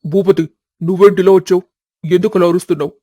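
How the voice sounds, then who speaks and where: A man voicing an earnest older farmer and father in an animated family story. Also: high-pitched, fast talker, dry recording. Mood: worried. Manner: earnest, pleading.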